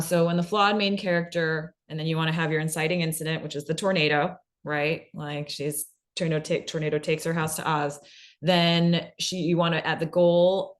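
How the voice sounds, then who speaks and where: A woman with a low-sitting voice presents in an informal workshop style. She's conversational and often checks in with the listener as she explains.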